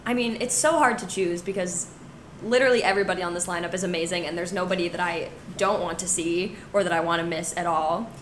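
Hoarse young woman with a smoker's rasp. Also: lowish voice, fairly even intonation, fast talker. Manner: enthusiastic. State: hoarse, voice nearly gone. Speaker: podcast co-host. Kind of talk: casual chat. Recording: roomy echo with background noise.

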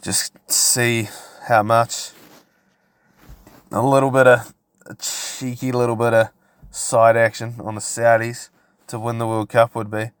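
A man's voice: medium pitch, flat delivery, a little slow, pauses often, clean tone, no echo. Brash, sweary frat-bro man, close dry sound. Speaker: podcast host. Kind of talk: casual solo podcast rant.

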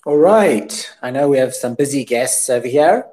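A man's voice: medium pitch, lively intonation, normal speed, dark tone. A man hosting a casual group call interview show in a polite, welcoming manner. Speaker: host of an online NFT project interview show.

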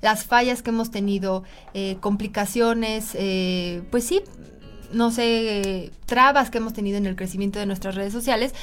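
A woman with a mid-pitched voice leads a panel discussion. She speaks earnestly and keeps steering the talk back to the topic. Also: fairly even intonation, normal speed, soft background music. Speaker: doctor and panel moderator.

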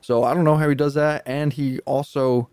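A man's voice: medium pitch, fairly even intonation, moderate pace, darkish tone, clear, resonant tone, no room sound, studio quality. A man co-hosting a podcast as a coach, talking in an easygoing, chatty way and laughing between points. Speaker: podcast co-host and hypertrophy coach. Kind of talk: casual chat.

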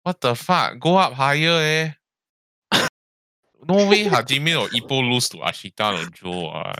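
A man's voice: mid-range voice, animated, unhurried, sharp tone, no echo. A man in casual podcast chat, rambling and tagging sentences with "lah". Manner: rambling, frequent "lah" and "ah" tags, swears. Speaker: podcast co-host.

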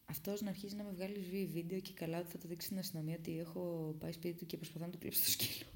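A young woman from Greece telling a personal story in a casual, dramatic way, dropping to whispers and rising to loud bursts. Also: lowish voice, little pitch movement, a little hiss or hum. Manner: dramatic retelling that swings between hushed whispers and loud bursts.

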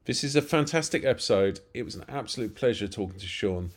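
Male podcast host with a low-pitched voice, earnest and encouraging. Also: animated, fast talker. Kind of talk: scripted intro and interview questions.

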